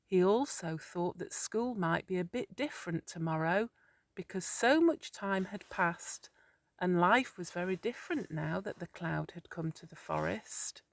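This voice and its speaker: Female storyteller, calm therapeutic bedtime-story read, unhurried, dry studio feel. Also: fairly low pitch, gravelly, no room sound. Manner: slow, soothing, measured.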